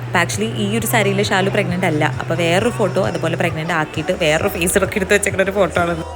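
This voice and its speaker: Woman, Kerala accent, rapid chatty vlog voice-over, slightly low pitch, Malayalam-English mix, prominent music behind. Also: steady tone. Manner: mixes English words into Malayalam. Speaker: vlog narrator. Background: loud music.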